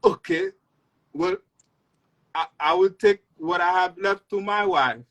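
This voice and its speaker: A woman acts out a flustered Haitian bank robber fumbling with a jammed lock. He talks back defensively, his voice pushed well up and swinging widely in pitch. It is a comic improv bit. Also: big pitch swings, slow, creaky, exaggerated voice.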